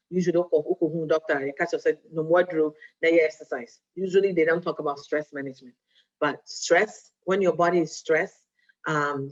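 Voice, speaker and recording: Woman as a diabetes educator, chatty and easygoing, dull lo-fi recording. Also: deep voice. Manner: conversational, often checks in with "right?"; mixes Twi phrases into English. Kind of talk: casual health talk.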